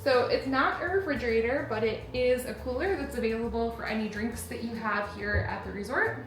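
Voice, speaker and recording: A woman's voice: a little high, a little fast, echoey room, noisy background. A woman hosting a travel vlog, chatting in an upbeat way and giving a descriptive room tour. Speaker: vlog host.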